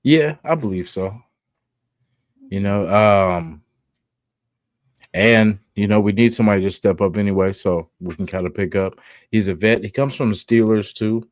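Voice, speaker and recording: A man co-hosts a casual sports podcast in a deep voice, recorded dry with no room sound. He talks in a relaxed, hedging way, filling his points with "you know" and "um.". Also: moderate pace, long pauses, no room sound. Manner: relaxed, hedging talk with frequent "you know what I'm saying". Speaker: podcast co-host.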